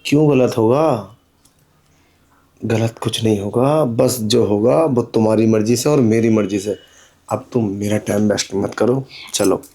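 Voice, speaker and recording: A man's voice: fairly low pitch, unhurried, warm tone, slightly rough. A man playing a pushy, scheming landlord who talks in an impatient, pressuring and dismissive way, in an amateur drama skit. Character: pushy, scheming middle-aged male landlord.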